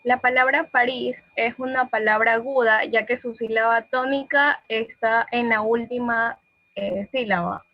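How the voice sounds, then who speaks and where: A woman's voice: fairly high pitch, fairly even intonation, a little slow, dry recording. A woman student giving brief, matter-of-fact answers in a class presentation. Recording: dull dry lo-fi sound.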